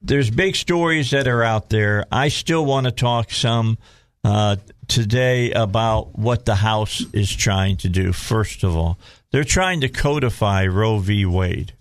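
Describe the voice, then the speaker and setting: A man's voice: on the low side, slow, no room sound, clean studio sound. A man with a Southern US accent hosting a casual talk radio show in a folksy way, often repeating phrases as he goes.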